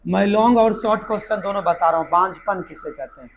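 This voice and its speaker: A man with a hoarse voice from a sore throat, teaching a live online biology class. He asks the class questions and answers them himself. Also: high-pitched, quick pace, a little hiss or hum. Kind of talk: live online exam-prep lesson.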